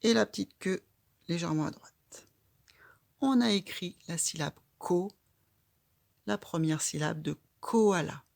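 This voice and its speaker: Low-voiced lady teacher, slow and patient, talks a kid through each letter, dry close sound. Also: gravelly, no room sound. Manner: patient, calm, guiding a child stroke by stroke. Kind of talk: slow step-by-step handwriting lesson.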